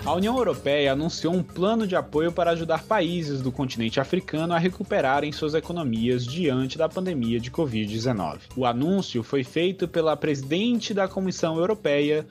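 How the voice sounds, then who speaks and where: Measured male news podcast anchor. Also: a little high, lively intonation, a little mellow. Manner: measured, formal. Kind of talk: news reading and interviewing. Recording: voice with faint music.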